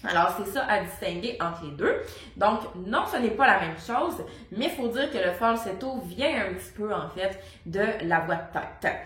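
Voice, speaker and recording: A young adult woman with a Québécois French accent works as a voice coach, casually explaining technique to camera with many fillers and brief sung demonstrations. Her mid-range voice is fairly bright, with lively intonation at a moderate pace, and the room has a roomy echo.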